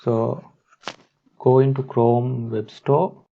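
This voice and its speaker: A man walks through a software tutorial step by step, his instructional narration halting. His mid-range voice is gravelly and level, captured on a dull, muffled microphone.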